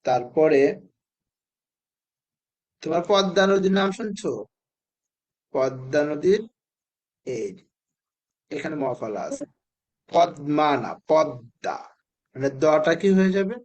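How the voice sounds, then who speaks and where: A man teaching a spelling and pronunciation lesson to children, who asks questions and answers them himself and says each word slowly, again and again. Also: a little high, expressive, a little mellow. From Bangladesh.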